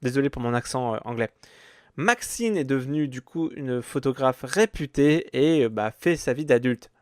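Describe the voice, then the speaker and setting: A man's voice: medium pitch, animated, normal speed, a little mellow, no echo, studio quality. A man hosting a casual podcast, talking hesitantly with many fillers and restarts. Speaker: podcast host. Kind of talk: casual chat.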